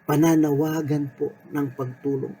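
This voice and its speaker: A man preaching a sermon in an unhurried way, mixing Tagalog and English and repeating key words. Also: a little high, flat delivery, dark tone, a little hiss or hum, rough recording.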